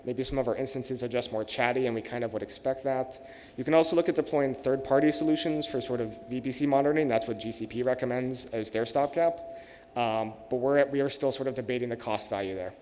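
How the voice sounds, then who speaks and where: A man's voice: medium pitch, warm tone, a little hiss or hum. A man giving a technical conference talk and answering questions, speaking casually with many "like"s. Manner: casual, quick, uses "like" and "sort of" often. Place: conference hall. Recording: reverberant conference hall.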